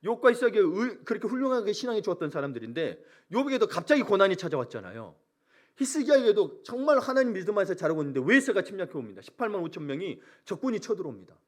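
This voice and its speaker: A male pastor preaching a sermon in an animated way, acting out prayers and mocking voices as he goes. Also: sits high, fast.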